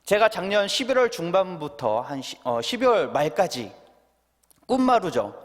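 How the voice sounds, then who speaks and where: A man's voice: sits high, very animated, normal speed. A young man preaching as a pastor at a prayer meeting, talking with the congregation through questions and playing out children's answers. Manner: asks the congregation questions, acts out children's replies. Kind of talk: sermon at a Wednesday prayer meeting. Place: church sanctuary. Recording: reverberant church hall.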